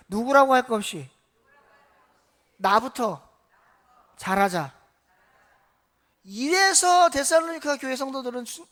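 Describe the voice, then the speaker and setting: Male pastor preaching in church; lively, call-and-response questions, loud-to-hushed swings. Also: very high voice. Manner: lively, asks the congregation questions; swings between loud emphasis and soft, hushed remarks. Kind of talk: sermon. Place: church sanctuary.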